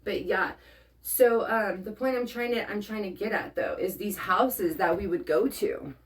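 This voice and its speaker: Woman tarot reader, casual and profane, middle pitch, sits back from the mic. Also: a little slow. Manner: blunt and profane, checks in with "okay?" often. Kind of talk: casual spoken tarot reading to the viewer. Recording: voice a bit far from the mic.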